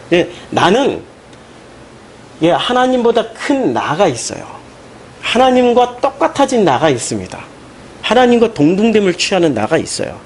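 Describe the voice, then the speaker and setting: A man preaching a Sunday sermon as pastor, animated and emphatic, with questions put to the congregation. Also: high voice, a little hiss or hum. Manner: animated, rising into emphatic questions and mocking quotes.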